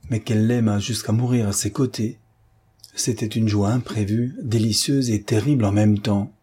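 A man giving grave, measured narration of a classic novel. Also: lowish voice, steady tone, mellow, breathy edge. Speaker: audiobook narrator. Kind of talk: scripted literary narration.

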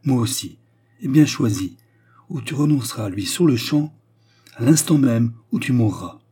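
A man's voice: mid-range voice, moderate pace, mellow, husky, close to an everyday voice. A man reading a novel aloud and voicing a fierce, hard-handed young courtesan who speaks in clipped, jerky bursts. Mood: threatening. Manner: clipped, jerky, metallic speech. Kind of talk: audiobook character reading.

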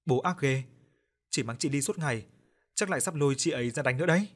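A man voicing young village children who whisper quickly to each other. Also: mid-range voice, lightly acted. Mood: worried whispering.

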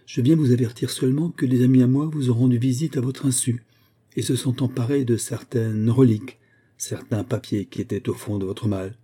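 A man reading a storybook voices a suave, ironic gentleman thief who is coolly polite and menacing. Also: medium pitch, fairly even intonation, a little fast, slightly rough, natural voice. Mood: ironic menace.

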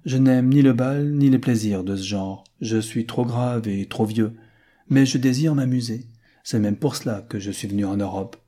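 A man voicing an earnest businessman, plain and serious, husky, dark, audiobook. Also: medium pitch, normal speed, lightly acted. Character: earnest rich American businessman.

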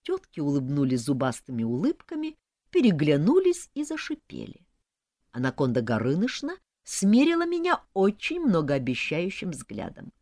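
A woman reading a humorous fantasy story aloud, with ironic, expressive storytelling. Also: sits low, normal speed, no echo, studio quality. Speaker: audiobook narrator.

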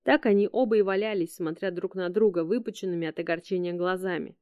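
Woman narrator with a dark voice. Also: on the low side, fast, no echo, clean studio sound. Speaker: audiobook narrator. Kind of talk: scripted narration.

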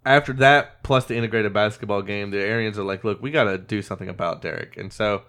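A man's voice: fairly low pitch, fast, smooth. A man on a podcast, casually retelling a film scene by scene, acting out quotes and laughing often. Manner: animated retelling with acted-out quotes. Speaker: podcast host. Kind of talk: casual movie recap chat.

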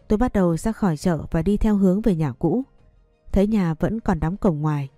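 A woman narrating a first-person story in a soft, earnest manner. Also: fairly low pitch, no echo, studio quality.

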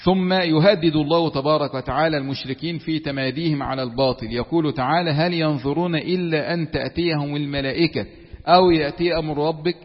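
An Egyptian sheikh talks quickly in a slightly high voice, teaching Quran commentary in a chatty, conversational way. He slows right down whenever he quotes a verse. The recording sounds dull and lo-fi, and a long hall echo trails after his words. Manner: lively and conversational, drawing out quoted verses slowly. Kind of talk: religious lesson, colloquial explanation between verse quotes.

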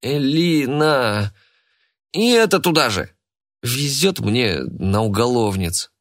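A man's voice: mid-range voice, very animated, slow pace, voice pushed up. A man voicing a self-pitying uncle who whines and complains theatrically. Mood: whiny. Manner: whiny, theatrical. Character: self-pitying adult uncle, dramatic and whiny.

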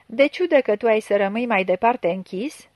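A woman's voice: fairly high pitch, expressive, a little mellow, no room sound, clean studio sound, close to an everyday voice. A woman reading the part of a hot-tempered, demanding boyar man in a prison camp in a story.

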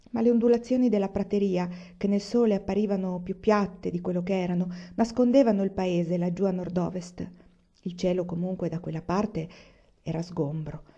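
Woman reading a novel aloud, mellow tone. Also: medium pitch, lo-fi sound. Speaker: audiobook reader.

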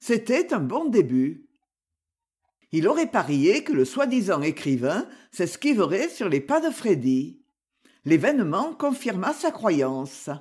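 A reader narrating a detective novel in a measured, expressive way. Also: medium pitch, breathy edge.

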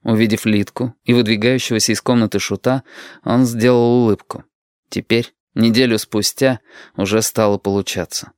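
A man narrating an audiobook with expressive storytelling. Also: fairly low pitch, moderate pace, clear, resonant tone, no room sound, studio quality. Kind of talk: scripted narration.

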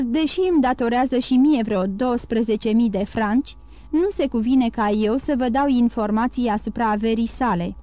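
A woman's voice: a little high, warm tone, no echo, highs cut off, lightly acted. Woman reading a discreet, cautious mayor.

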